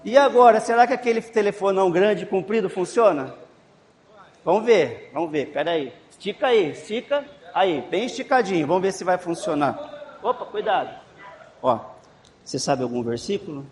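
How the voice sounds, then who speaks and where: A man's voice: high voice, animated, moderate pace, a crowd in the background. Coaxing man teaching kids. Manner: coaxing, encouraging, repeats instructions. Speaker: children's Bible class teacher. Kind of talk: leading a children's game. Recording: echoey room, faint background noise.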